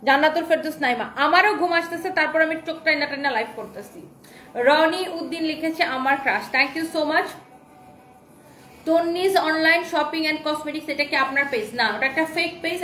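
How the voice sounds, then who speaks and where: A woman's voice: sits high, a bit bright, slight background noise. A woman hosting a live sales stream, reading viewer comments aloud in an enthusiastic, chatty patter. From Bangladesh. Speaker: online saree seller hosting a live stream. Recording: roomy echo.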